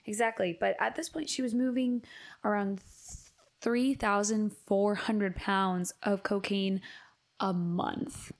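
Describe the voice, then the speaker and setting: A young woman co-hosting a casual true-crime podcast, chatty and quick to laugh. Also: medium pitch, fairly even intonation. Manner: giggly, chatty. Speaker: podcast co-host.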